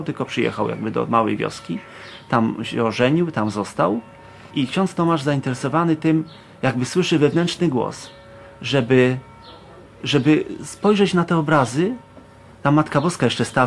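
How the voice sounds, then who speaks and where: Gravelly man recounting a story. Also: medium pitch, a little hiss or hum. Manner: rambling, with fillers and repetitions. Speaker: guest. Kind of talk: casual spoken recollection.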